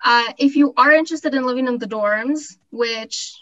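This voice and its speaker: A Costa Rican graduate student in her 20s talks at normal speed in an eager, informal testimonial for an online information session. Her somewhat high voice sounds pushed and bright, with the highs cut off.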